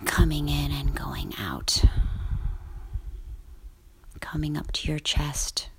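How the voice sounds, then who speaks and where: Woman in her twenties or thirties, whispered bedtime relaxation guide, unhurried, slightly gravelly. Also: deep voice. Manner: soft, slow, soothing whispered delivery. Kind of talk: guided sleep meditation.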